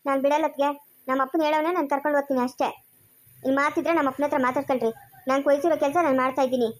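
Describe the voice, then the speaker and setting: Woman plays a hot-headed rural man, barks threats and orders; Chikkaballapur dialect, very high voice. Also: steady tone, rapid-fire, lightly acted. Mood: defiant. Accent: Kannada, Chikkaballapur rural dialect. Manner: scolding, threatening, shouting orders. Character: hot-tempered young village man, threatening and bossy. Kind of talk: village comedy skit acting.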